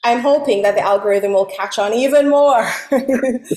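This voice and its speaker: A woman born in Jamaica, chatting as a guest in an interview, laughing often and animated. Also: fairly high pitch, normal speed, reverberant, low-quality recording. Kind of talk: casual interview chat.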